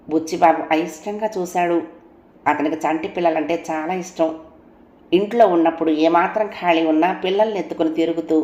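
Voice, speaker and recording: A woman storyteller reading a story aloud in a calm, measured way. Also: on the low side, reverberant. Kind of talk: audiobook story narration.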